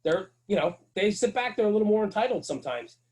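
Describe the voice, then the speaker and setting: A middle-aged firefighter, who also hosts fire-service radio, appears as a podcast guest and talks fast in a high-pitched, slightly mellow voice with lively intonation. Casual but earnest and emphatic, he keeps restating his key ideas about his work.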